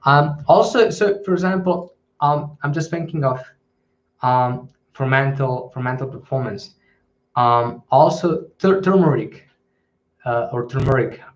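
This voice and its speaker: Hosting his channel's live Q&A stream, a man answers hesitantly, full of ums and restarts. His mid-range voice moves a little slowly, and the livestream audio is dull and lo-fi.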